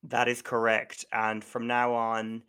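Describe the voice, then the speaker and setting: A man co-hosts a podcast and runs a quiz in casual chat. He teases his partner in an animated way. His voice is bright and forceful. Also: medium pitch, slow pace, smooth. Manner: teasing, animated. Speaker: podcast co-host, quizmaster.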